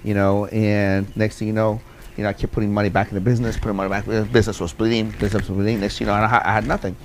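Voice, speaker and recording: A man's voice: lowish voice, level tone, rapid-fire, a little hiss or hum. A middle-aged man in an interview, telling a personal story in a rambling way with many fillers and repeats. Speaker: interview guest.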